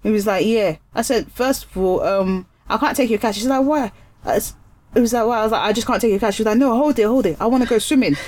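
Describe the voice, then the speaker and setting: A woman's voice: mid-range voice, fast talker. A young woman co-hosting a podcast, telling a story in casual chat and acting out each line of dialogue. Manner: animated storyteller, acts out dialogue in quotes. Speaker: podcast co-host.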